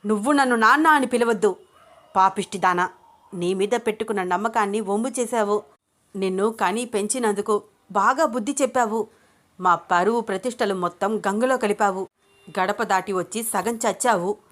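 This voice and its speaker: A woman voicing an enraged middle-aged father who shouts bitterly through tears. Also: medium pitch, steady tone, normal speed, close to an everyday voice. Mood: furious grief.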